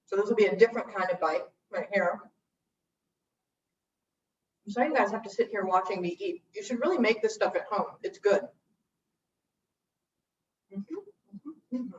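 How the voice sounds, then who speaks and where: A woman's voice: medium pitch, slight background noise. Woman tasting food in a roomy hall. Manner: chatty, tasting and describing food aloud. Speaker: cooking class host. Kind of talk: livestreamed cooking lesson. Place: church room. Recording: roomy, dull livestream audio from a distance.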